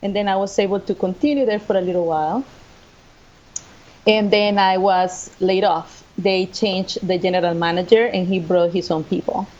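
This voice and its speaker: Here a woman from Costa Rica with a mid-range, darkish voice speaks at normal speed with fairly even intonation. A native Spanish speaker with a Costa Rican accent, she's an assistant professor of sports management chatting about her life as an interview guest. Dull audio.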